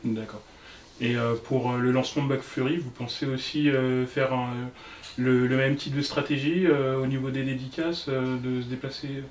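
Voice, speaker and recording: A man interviewing a guest in a relaxed, jokey way, with fillers. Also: medium pitch, normal speed, slight background noise. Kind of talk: casual interview questions. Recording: roomy, distant mic, faint ambience.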